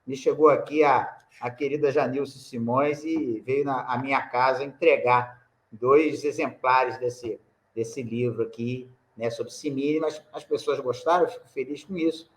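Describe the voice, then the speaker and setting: A man's voice: medium pitch, steady tone, measured pace. A man with a Brazilian Portuguese accent teaching a poetry workshop over a video call, explaining rules step by step and often adding tag questions. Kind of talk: online workshop lecture.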